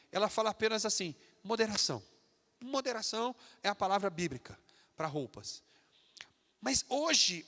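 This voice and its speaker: A São Paulo Brazilian preacher with a high, very bright voice delivers an animated, emphatic sermon. He swings between loud bursts and quieter asides. The sound carries a long church-hall reverb. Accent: Brazilian Portuguese, São Paulo. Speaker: pastor.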